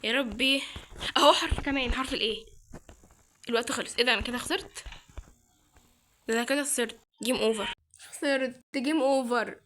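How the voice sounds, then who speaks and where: Egyptian woman, young, let's-play commentary, bright tense voice, slightly high. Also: a little fast, long pauses, a little hiss or hum. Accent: Egyptian Arabic. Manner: chatty, thinks aloud, startled exclamations. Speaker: gaming channel host.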